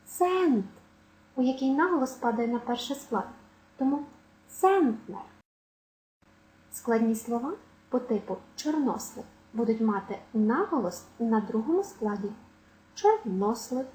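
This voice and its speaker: A woman teaching a language lesson, clearly stressing syllables as she explains word stress. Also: on the high side, animated, normal speed, a little mellow, rough recording. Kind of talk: exam-prep lesson.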